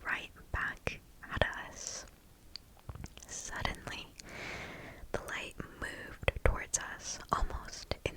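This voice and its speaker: An ASMR host reads scary stories in a soft, breathy whisper right up against the microphone. She goes slowly and deliberately with gentle phrasing, though the audio quality is poor.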